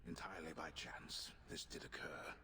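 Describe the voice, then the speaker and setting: A man voicing a solemn epic storyteller, narrating in a hushed, gravelly tone. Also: very deep voice, moderate pace, a little hiss or hum, full character voice. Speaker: game narrator. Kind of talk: scripted narration.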